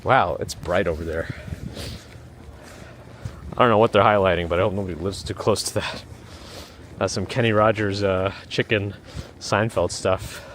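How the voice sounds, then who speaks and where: A man with a lowish voice walks through a snowstorm, chatting into his phone on a live stream. He wanders from topic to topic and stops to thank viewers. The city around him comes through clearly behind his voice. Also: slight background noise. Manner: rambling, thanks viewers by name. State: losing his voice. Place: snowy city streets outdoors in a blizzard. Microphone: handheld phone.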